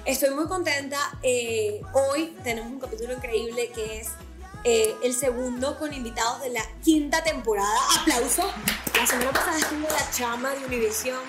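A woman hosts a casual podcast in Caribbean Venezuelan Spanish. Her voice sits fairly high yet has a husky touch, and she talks in a teasing, irreverent manner over some music. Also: moderate pace. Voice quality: slightly husky. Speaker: podcast host. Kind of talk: casual, playful podcast chat.

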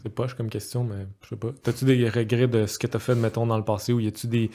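A man's voice: mid-range voice, little pitch movement, fast, dark tone. A man with a Quebec French accent hosting a podcast, asking his guest questions in a loose, easygoing way. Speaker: podcast host. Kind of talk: casual conversational interview.

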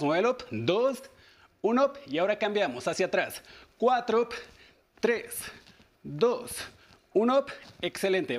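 High-voiced Mexican aerobics instructor counting beats. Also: male voice. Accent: Mexican Spanish. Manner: counts beats and cheers viewers on. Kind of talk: leading a televised dance workout. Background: workout music.

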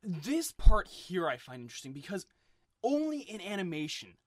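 Lively, laid-back podcast co-host. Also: medium pitch, moderate pace, no room sound, clean studio sound. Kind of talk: casual movie commentary chat.

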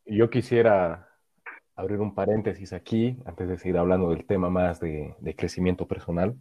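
A man's voice: low voice, fairly even intonation, normal speed, dark tone. A man from Bolivia chatting as a podcast co-host, earnest and reflective, often restarting his sentences. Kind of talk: casual chat. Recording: dull lo-fi sound.

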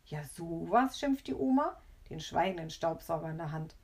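A woman reading a children's story aloud in a lively, expressive way. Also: deep voice, a little fast.

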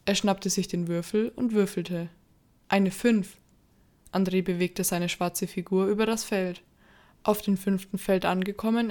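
A woman narrating a horror story in a steady storytelling manner. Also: mid-range voice.

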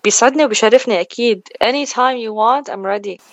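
A woman's voice: fairly high pitch, brisk. A woman with a Levantine Arabic accent chatting casually as a singer in a radio interview, switching between Arabic and English mid-sentence.

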